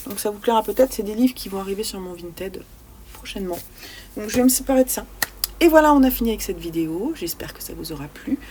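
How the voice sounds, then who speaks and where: This book vlogger speaks quickly with lively intonation and a mellow, medium-pitched voice, over a little hiss or hum. She chats casually about the books she's read, rambling freely and frequently restarting or filling pauses while searching for words.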